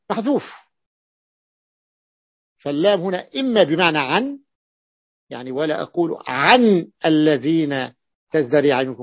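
A male grammar teacher giving a classroom lesson, explaining slowly and repeating key phrases, with drawn-out hesitations. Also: on the high side, gravelly, no echo. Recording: dull, dry, lo-fi classroom recording.

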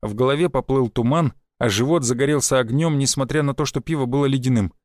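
Expressive male audiobook narrator, dry sound. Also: medium pitch, fast talker, no room sound. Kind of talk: first-person audiobook narration.

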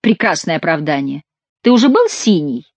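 A woman's voice: sits low, big pitch swings, moderate pace, darkish tone, no room sound, exaggerated voice. A woman voicing a curious young male courtier who asks wry questions.

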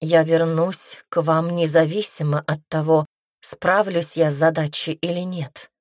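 A woman's voice: deep voice, little pitch movement, unhurried, darkish tone, no room sound, studio quality. A woman voicing a guarded young heroine. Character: flustered young woman, the king's hound.

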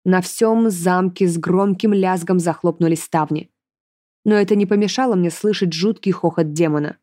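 A woman narrating a fantasy novel in the first person, in measured, even storytelling. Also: fairly low pitch, dry recording, studio quality. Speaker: audiobook narrator.

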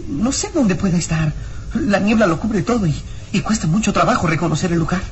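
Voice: mid-range voice, expressive, a little fast, dull audio, lightly acted. An actor in a radio serial playing an earnest, anxious young boy, a hero's loyal helper, who speaks hesitantly and repeats himself. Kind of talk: radionovela acting. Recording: noisy old radio serial recording.

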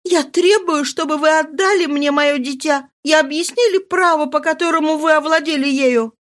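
A woman's voice: sits high, normal speed, a bit bright, pitched above the performer's own voice. Woman voicing an anguished pleading mother. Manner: anguished, imploring. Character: desperate pleading young mother, grief-stricken.

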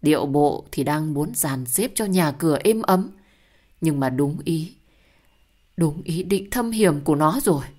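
A woman narrates a dramatic first-person story with an emotional delivery. Her voice sits low. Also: expressive, unhurried, dark tone.

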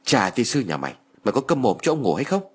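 A man voicing a bad-tempered old grandfather who curses and shouts. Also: lowish voice, big pitch swings, fairly quick. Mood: irritated. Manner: shouting, cursing.

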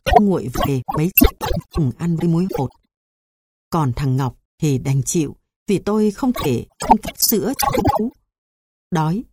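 A woman reading a memoir aloud in a measured, sorrowful way. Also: lowish voice. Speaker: narrator. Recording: noisy hissy recording.

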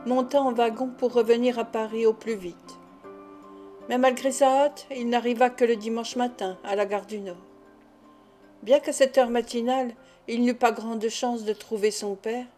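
Brief: female audiobook narrator, measured steady reading, fairly high mellow voice. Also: soft background music. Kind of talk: scripted narration of a classic novel.

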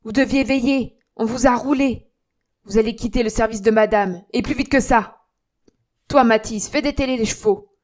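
Woman doing a young male steward, commanding, loud, menacing, audiobook. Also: a little high, normal speed, natural voice.

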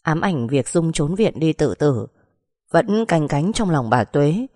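A woman narrating a sad family story in a soft, measured storytelling voice. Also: deep voice, animated, dry recording, studio quality.

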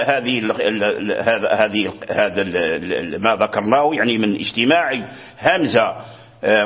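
A man's voice: mid-range voice, lo-fi sound. A man teaching Quran recitation rules, repeating words, restarting often and checking that his student follows. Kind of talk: explaining a lesson to a student.

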